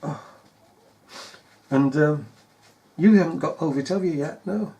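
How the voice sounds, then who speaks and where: A man's voice: a little high, a little slow, warm tone. A man giving a casual, sarcastic commentary over news footage, mocking and often laughing. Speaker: video commentator.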